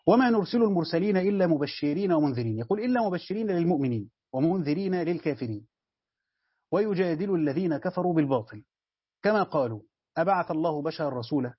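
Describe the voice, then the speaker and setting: Husky Egyptian male teacher, fast-paced. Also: fairly high pitch, no echo, highs cut off. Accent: Egyptian Arabic. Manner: explains step by step, repeats words, addresses students directly. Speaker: Islamic studies teacher. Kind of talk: lesson commentary on a tafsir text.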